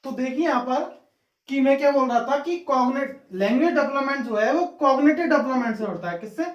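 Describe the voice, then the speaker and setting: A man's voice: very high-pitched, a little fast, muffled recording. A man teaching a class, who asks his own question and then repeats the key word as the answer. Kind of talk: classroom lecture. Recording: echoey room, distant mic.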